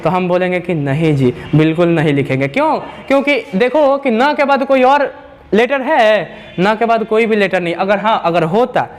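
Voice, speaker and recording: A man teaching English spelling rules in a classroom lesson, repeating himself, stretching out sounds slowly and asking the class rhetorical questions. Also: sits high. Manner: repetitive, drawn-out sounds, asks rhetorical questions.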